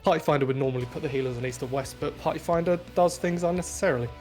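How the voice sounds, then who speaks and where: A man's voice: on the high side, rapid-fire, a little mellow, faint music behind. A man leading a raid group, patiently explaining positions step by step, heard over group voice chat. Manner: methodical, patient step-by-step calls. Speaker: raid leader.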